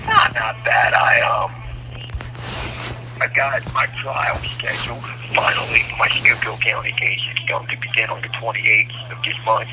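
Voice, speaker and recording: A man calling over a prison phone line, recounting his court troubles earnestly and haltingly, with frequent ums and restarts. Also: mid-range voice, very noisy. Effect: heard over a prison phone line.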